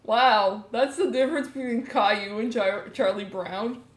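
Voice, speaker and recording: A woman's voice: fairly high pitch, normal speed. A woman with a nasal voice, joking and laughing in casual livestream chat. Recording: roomy, faint background noise.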